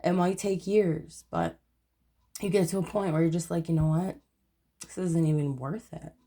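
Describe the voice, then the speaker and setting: A woman with a fairly low voice gives a relaxed tarot reading to camera. She meanders from thought to thought and leans on "you know" and "um" as she goes. She stays earnest and reassuring as she speaks directly to the viewer. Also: normal speed. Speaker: tarot reader. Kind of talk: casual spoken tarot reading.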